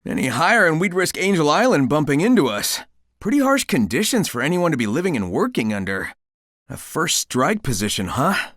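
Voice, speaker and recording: A cocky, good-hearted young hedgehog hero from a video game. The voice is youthful and slightly high, with lively swings in pitch. It is dry and close, and the delivery is casual, breezy and confident. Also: male voice, brisk, no room sound. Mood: serious, pondering. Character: cocky, upbeat, caring young male cartoon hedgehog hero. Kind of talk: video game character dialogue.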